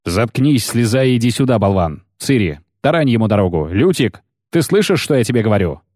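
A man voicing a curt, gruff male monster hunter barking orders, in an audiobook. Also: medium pitch, big pitch swings, brisk, a little mellow, dry recording, clean studio sound. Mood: impatient. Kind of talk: audiobook character voice.

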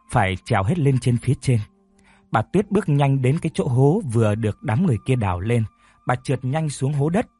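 A man narrating a story in a steady, mournful tone. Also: medium pitch, husky, no echo. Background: faint music.

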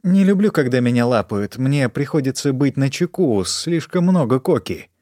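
A man's voice: lively intonation, moderate pace, warm tone, no echo, clean studio sound, lightly acted. A man voicing an erratic, stoned young woman in an audiobook, rambling and repeating herself. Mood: wary. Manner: shrill outbursts, rambling repetition. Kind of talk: audiobook character voice.

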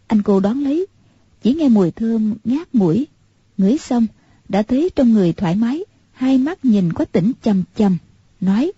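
Woman narrator, steady measured reading, dark tone, dry close sound. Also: fairly high pitch, breathy edge, no echo. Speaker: audiobook narrator. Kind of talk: scripted narration of a martial-arts novel. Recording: muffled lo-fi recording.

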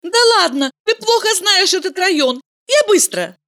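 Woman plays a chirpy, teasing young heroine; squeaky-high, bubbly, exclaims a lot. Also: animated, normal speed, fairly bright tone, exaggerated voice.

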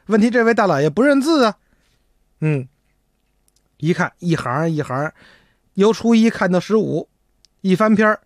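A male storyteller spins a traditional comic tale and keeps turning to the listeners. His pitch moves in lively swings. The voice sounds close and dry, with no echo. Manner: animated, chatty, addresses listeners directly.

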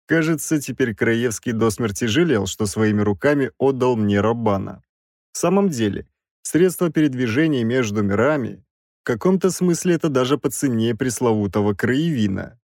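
Animated male audiobook narrator. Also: mid-range voice, moderate pace, no room sound, clean studio sound. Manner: expressive, animated reading. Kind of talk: scripted narration.

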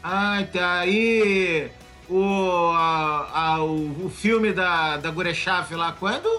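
A man with a Brazilian Portuguese accent co-hosting a podcast, animated and jokey, swearing freely as he talks. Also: sits high, extremely slow, soft background music. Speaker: podcast co-host. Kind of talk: casual chat.

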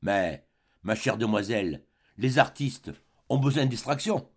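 A man voicing a sad, weary young exiled sculptor who speaks softly and plaintively. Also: lowish voice, lively intonation, a little slow. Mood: melancholy. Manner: melancholy, soft, plaintive.

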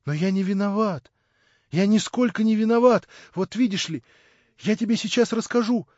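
A man voicing an excitable, eager young man who pleads in high, loud exclamations. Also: normal speed, no echo, lightly acted. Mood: ecstatic pleading. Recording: dull dry lo-fi recording.

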